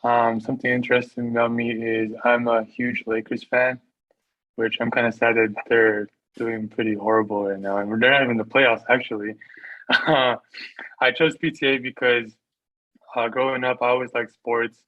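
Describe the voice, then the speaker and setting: Flat-voiced young man, lo-fi call. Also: mid-range voice, normal speed, no room sound. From Las Vegas, US. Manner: easygoing, light laughs. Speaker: new student. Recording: dull lo-fi call audio.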